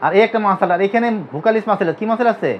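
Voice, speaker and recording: A man's voice: high voice, rapid-fire, a little hiss or hum. A man from Bangladesh teaching an anatomy class, who quizzes his students by asking them to repeat terms back. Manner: drills students with repeated questions. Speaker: physiotherapy teacher. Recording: dull lo-fi recording.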